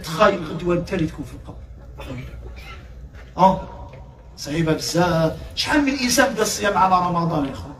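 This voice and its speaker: A man with an Algerian accent preaching to a live crowd, passionate, swinging from shouts down to hushed tones. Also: high voice, rapid-fire, pauses often, echoey room, recorded from a distance, slight background noise. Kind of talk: sermon to a live audience.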